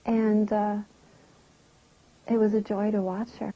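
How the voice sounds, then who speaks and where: A middle-aged woman interviewed as a mother, speaking slowly and haltingly, with a breathy voice that often drops to a whisper. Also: medium pitch, level tone, background noise. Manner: slow, halting, emotional. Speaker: mother interviewed about her children. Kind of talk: documentary interview. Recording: dull lo-fi recording.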